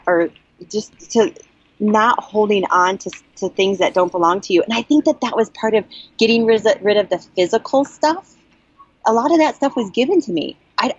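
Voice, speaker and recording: A woman's voice: medium pitch, husky, no echo. Lady guest on a podcast telling her story, earnest, lots of restarts, gets worked up, dull dry audio. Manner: earnest, halting, with frequent restarts. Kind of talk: personal storytelling in a podcast interview.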